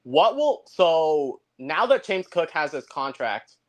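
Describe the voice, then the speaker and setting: A man's voice: on the high side, sing-song, slow. A man calling into a show, chatting casually and hesitating as he searches for words. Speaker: caller. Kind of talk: casual call-in chat.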